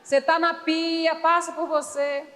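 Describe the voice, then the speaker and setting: High-voiced Brazilian woman preaching in a hall. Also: flat delivery, measured pace, fairly bright tone. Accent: Brazilian Portuguese. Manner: playful, calls for congregation responses. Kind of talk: sermon. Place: church. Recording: long reverb of a church hall.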